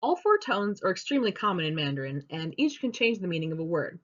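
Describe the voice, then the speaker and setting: A young woman delivers a class presentation, walking through her points in a steady, explanatory way. Her pitch moves around a lot, giving the talk a lively lilt. The recording sounds a bit dull and lo-fi. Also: fast talker. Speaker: student presenter.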